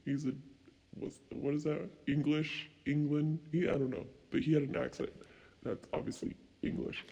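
A man's voice: mid-range voice, breathy edge, highs cut off. A young man co-hosting a casual late-night podcast, telling rambling stories full of swearing. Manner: rambling, swears a lot, animated storytelling. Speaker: podcast co-host.

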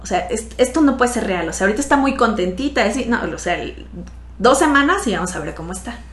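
A woman with a Mexican accent tells her story as a podcast guest, her voice sitting a little high. She talks casually and brightly, laughing often and slipping into the voices of the people she quotes. The room around her rings with echo. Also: expressive, quick pace. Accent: Mexican Spanish. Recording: echoey room sound.

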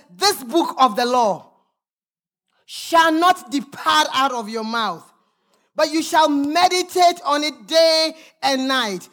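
High-voiced woman preaching with fervor. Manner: emphatic preaching, reads scripture aloud, sometimes breaks into song-like calls. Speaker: pastor. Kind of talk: sermon.

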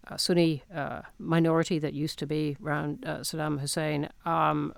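A man's voice: on the high side, flat delivery, normal speed, creaky, smooth, dry recording. A man hosting a podcast panel, courteously introducing speakers and asking them questions. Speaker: podcast host and moderator. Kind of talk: moderating a panel.

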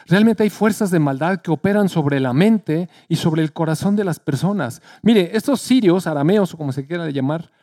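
A man preaching a sermon, retelling a story and acting out the quotes with a lively delivery. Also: on the high side, moderate pace, few pauses, dry recording, studio quality. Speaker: pastor.

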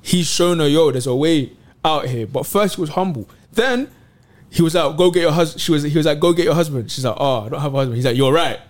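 A man in casual faith discussion on a podcast, animated and slangy, retelling Bible stories in street talk. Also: a little high, brisk. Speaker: podcast co-host.

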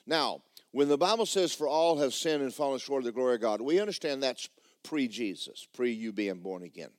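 A man preaching a sermon as a church pastor, emphatic and drawn out, sinking low and quiet at the ends of phrases, then leaping into sudden loud outbursts. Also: dry recording, clean studio sound. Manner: emphatic preaching with swooping pitch and sudden shouts.

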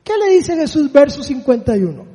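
A man's voice: extremely high pitch, big pitch swings, fairly quick, mellow, long reverb tail. A man preaching a sermon, often putting rhetorical questions to his listeners.

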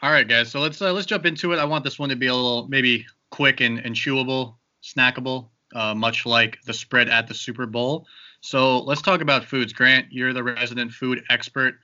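A man's voice: mid-range voice, steady tone, normal speed, sharp tone, highs cut off. A man hosting a casual podcast chat, joking and loose, with plenty of fillers. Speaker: podcast host.

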